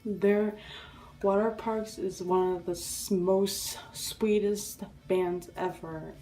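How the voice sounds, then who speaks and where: A young woman telling a story in a casual vlog, excitable and rambling, with many restarts and fillers. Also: medium pitch, slow, far from the mic, low-quality recording. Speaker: vlogger.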